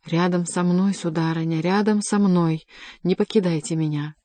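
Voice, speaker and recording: A woman playing a jealous wounded count shouting. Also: fairly low pitch, fairly even intonation, moderate pace, no echo, close to an everyday voice. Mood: weak pleading. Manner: shouting, commanding.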